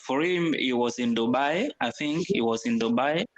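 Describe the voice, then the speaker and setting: A man's voice: medium pitch, normal speed. A young man from Uganda, talking as a guest over a video call from a veranda, hesitant and often restarting. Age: young adult. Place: veranda outdoors.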